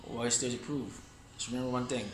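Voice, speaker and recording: A man with a mid-range voice talks quickly and flatly while teaching Wing Chun, rambling, repeating himself, and narrating as he demonstrates moves. It's casual martial arts demo talk, recorded in an echoey room with faint ambience and slight background noise.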